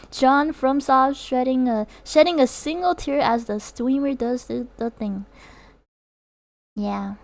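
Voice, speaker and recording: A young woman streamer, a native Chinese speaker, chats casually as she reads viewer comments. Her voice is high and slow, with long pauses, and she rambles, laughing often and using plenty of fillers.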